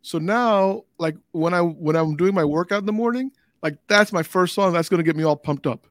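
Man, middle-aged, podcast host, friendly, rambling questions, dry sound, somewhat high pitch. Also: fairly quick, no echo. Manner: friendly, loose questions with fillers. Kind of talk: casual interview chat.

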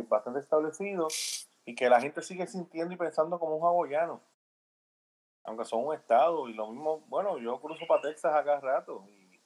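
A man with a Puerto Rican accent talks as a podcast guest in a voice of ordinary middle pitch. He lays out his views in an earnest, unhurried way, thinking aloud as he goes. He keeps checking in with his listener through quick tag questions. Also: poor audio. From Puerto Rico. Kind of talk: casual opinion chat.

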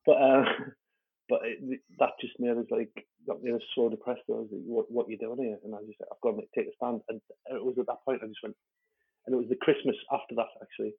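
Comedian guy rambling thru a story fast, flat voice, tinny phone-ish sound. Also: medium pitch, vocal fry, breathy edge. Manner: rambling, with frequent fillers and restarts; swears freely and laughs while talking. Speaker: stand-up comedian guest. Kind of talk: casual candid storytelling. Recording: lo-fi phone-like audio.

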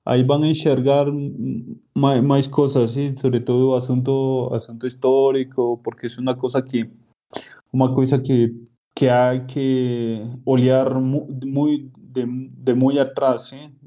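A man with a very dark, mellow voice and little pitch movement speaks as a podcast guest. His Colombian Spanish accent is clear, and he often gropes for words, mixing in Spanish. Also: little pitch movement. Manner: halting, searching for words, slipping into Spanish. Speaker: interview guest. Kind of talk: casual podcast interview.

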